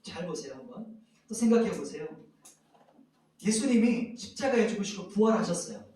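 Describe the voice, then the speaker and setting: A high-voiced male pastor preaches with sweeping, lively pitch, acting out loud cries and anguished sighs. His voice rings through a very echoey hall, picked up from some distance. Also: normal speed. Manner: animated, acts out cries and sighs of lament. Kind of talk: sermon.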